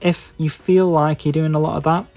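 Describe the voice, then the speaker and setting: A man's voice: on the high side, little pitch movement, moderate pace, creaky, a little mellow, soft background music. A man with a Stoke-on-Trent English accent chatting casually to his viewers, rambling in a hesitant, self-deprecating way with lots of filler phrases. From England. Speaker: YouTube video maker and podcaster.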